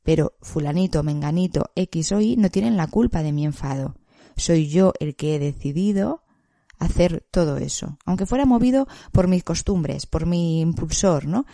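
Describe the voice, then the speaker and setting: Woman psychologist, gravelly mellow voice, dry close sound, calm teaching podcast delivery. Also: low voice, moderate pace, no echo. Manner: calm, explanatory, with frequent checking questions. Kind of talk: educational podcast talk.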